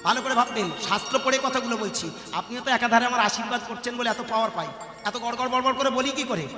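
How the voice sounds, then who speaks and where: A man's voice: extremely high pitch, fast, sharp tone. A man preaching in a devotional kirtan sermon with a Bengali accent, questioning his audience rhetorically from a stage. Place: stage before a live audience. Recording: echoey hall with music behind.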